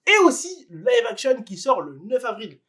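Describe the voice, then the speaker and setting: A high-pitched man runs through anime news in a casual vlog. He talks straight to the viewer, hesitates often and fills gaps with small fillers as he goes. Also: big pitch swings, moderate pace, fairly bright tone. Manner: chatty, addresses viewer directly, many fillers. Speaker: anime news video host.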